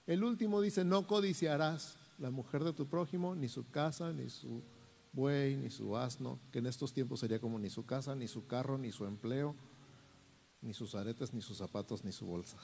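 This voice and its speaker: A man's voice: medium pitch, normal speed, vocal fry, darkish tone. A male Mexican pastor preaching a sermon and leading a fervent repeat-after-me prayer. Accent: Mexican Spanish. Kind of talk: sermon with altar call prayer. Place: church sanctuary. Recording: long church reverb with music.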